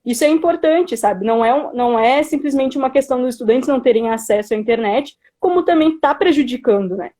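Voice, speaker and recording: A young woman with a Brazilian accent speaks in a fairly high, mellow voice. She gives informal political commentary in an earnest way, pausing to search for words and often adding little tags that seek agreement. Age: young adult. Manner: earnest, hesitant, frequently seeking agreement with tag questions. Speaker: student activist.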